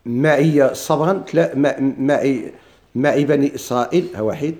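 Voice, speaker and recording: A man with a Moroccan Arabic accent, teaching Quranic readings in a classroom lesson and chanting verses slowly. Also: medium pitch, darkish tone. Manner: explains in dialect, chants quoted verses slowly.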